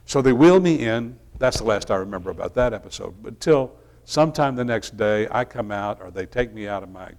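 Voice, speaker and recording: A middle-aged male minister telling a personal story in a relaxed, folksy sermon style, often restarting his sentences. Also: lowish voice, brisk, gravelly, hardly any pauses.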